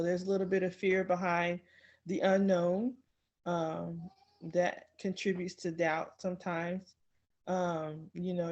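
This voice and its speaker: A woman's voice: fairly low pitch, a little mellow. A woman guest on a podcast speaking candidly about her own experience, with many fillers, acting out her inner thoughts. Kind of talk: casual personal talk.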